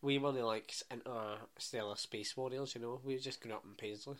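A man's voice: mid-range voice, steady tone, brisk, fairly bright tone. A young Scottish man co-hosting a podcast, bantering bluntly, teasing and swearing casually while recapping. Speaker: podcast co-host. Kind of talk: casual chat.

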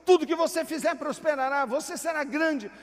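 A man's voice: extremely high pitch, a little fast, long reverb tail, pitched above the performer's own voice. A man voicing the old patriarch Isaac, grand and fatherly, proclaiming a blessing in a ringing voice.

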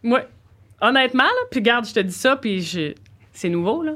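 A woman's voice: a little high, normal speed, slight background noise. A woman from the Gaspésie with a strong Gaspésie Quebec French accent, telling slangy stories with plenty of laughter as a comedian guest on a casual podcast. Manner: lively storyteller, slangy, laughs often.

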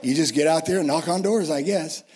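Higher-voiced American preacher in his sixties. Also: fairly quick, a little mellow, slight background noise. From United States. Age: 60s. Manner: emphatic, repeats phrases for effect. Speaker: senior pastor, guest preacher. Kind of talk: sermon. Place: speaking to a church congregation.

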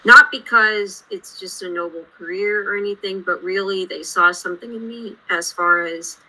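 A woman in her late twenties with a very bright, sharp voice, born in India and raised in Houston. She talks as a guest engineer on a podcast. Her delivery is measured and explanatory. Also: mid-range voice, low-quality recording. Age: late 20s. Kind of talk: podcast interview.

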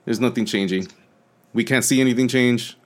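A man's voice: mid-range voice, a little fast. A man co-hosting a podcast, chatting casually, hesitant and often repeating words before trailing off. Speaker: podcast co-host. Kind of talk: casual chat.

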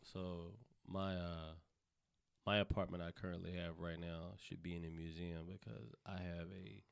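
A man from North Carolina with a Southern accent, telling profane, animated stories in a casual podcast chat. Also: low-pitched, normal speed, gravelly, clear, resonant tone.

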